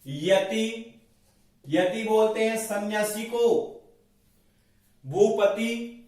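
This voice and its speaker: A man teaching Sanskrit grammar, slowly drilling and reciting word forms for his students. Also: high voice, darkish tone. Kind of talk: classroom lecture with recitation. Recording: very echoey room, voice from a distance.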